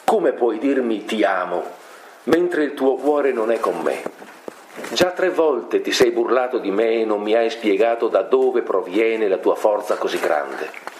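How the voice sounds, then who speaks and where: A man's voice: on the low side, lively intonation, measured pace, a little mellow. A man reading a reproachful pleading woman. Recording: echoey room, faint noise.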